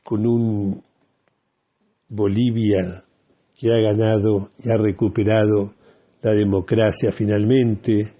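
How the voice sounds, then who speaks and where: An Argentine radio host delivers opinionated news commentary on his talk show, speaking deliberately and emphatically with pauses between phrases. His voice is husky, warm, and on the low side, and the recording sounds muffled.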